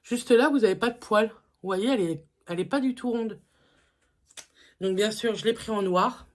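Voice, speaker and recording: A woman's voice: mid-range voice, normal speed. A woman, chatting casually through a beauty haul, full of fillers and enthusiastic asides. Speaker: beauty vlogger.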